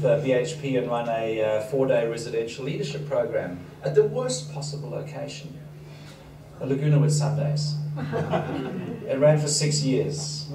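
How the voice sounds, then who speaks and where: A man raised in Africa, whose first language is Danish, gives a chatty, self-deprecating seminar talk in a medium-pitched, slightly mellow voice with a slight foreign accent. He's in an event hall before an audience, and the recording sounds roomy, distant and noisy.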